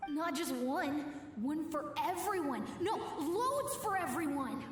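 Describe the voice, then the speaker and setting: A woman's voice: sits high, animated, slow, echoey room, big-room sound, far from the mic, slight background noise. A woman voicing a boastful little boy who wants to get rich, heard in a flashback. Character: brash little boy dreaming of riches. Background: game music.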